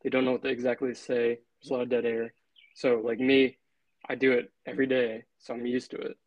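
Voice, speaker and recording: A man speaking as an interview guest in a relaxed, laid-back way, swearing freely. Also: mid-range voice, brisk, no echo, rough recording. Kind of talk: casual interview chat.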